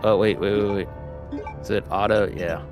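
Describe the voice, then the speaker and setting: Over game music, an American streamer chats casually during a livestreamed game in a fairly low voice with fairly even intonation and normal speed. He rambles, thinks out loud and corrects himself, filling gaps with plenty of fillers.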